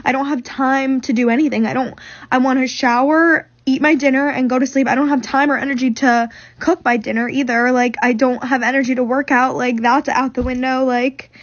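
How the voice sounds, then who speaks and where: High-voiced young woman venting, lo-fi. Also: steady tone, fairly quick, no room sound. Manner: rambling, filler-heavy complaining. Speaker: recent graduate venting to camera. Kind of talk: casual venting vlog.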